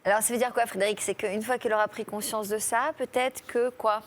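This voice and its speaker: A woman hosting a studio talk show, firing quick probing follow-up questions at her guests. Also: a little high, fairly even intonation.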